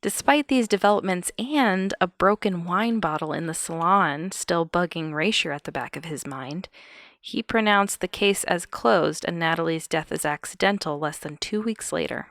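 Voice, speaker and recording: A woman's voice: fairly low pitch, normal speed, a bit bright, dry recording, studio quality. A woman hosting a podcast, recounting a true-crime case with wry, chuckling asides. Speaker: podcast host.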